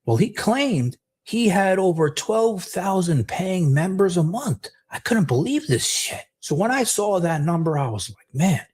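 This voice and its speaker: A man hosting a live stream, telling the story with animated, profane commentary. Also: high voice, measured pace, few pauses, slightly rough. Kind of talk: commentary on a played clip.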